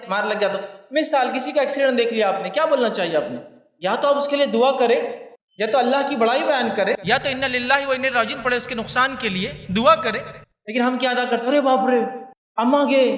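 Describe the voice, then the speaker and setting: High-voiced preacher in an echoing hall. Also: male voice, fairly bright tone. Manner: repeats points for emphasis, addresses listeners directly. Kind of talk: religious lecture. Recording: echoey hall, mic at a distance.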